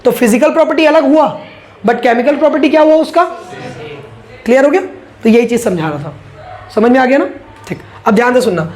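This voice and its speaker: High-voiced man teaching chemistry. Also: brisk, long pauses, darkish tone. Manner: asks rhetorical questions and answers them himself; repeats key points for emphasis. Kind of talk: casual classroom lecture.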